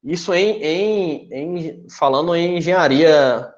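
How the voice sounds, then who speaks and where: A man's voice: a little high, slow. A man with a Brazilian Portuguese accent gives a technical presentation as a guest engineer in an online forum. He explains step by step and often stops to check in with tag questions. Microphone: video call. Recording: muffled lo-fi online call audio.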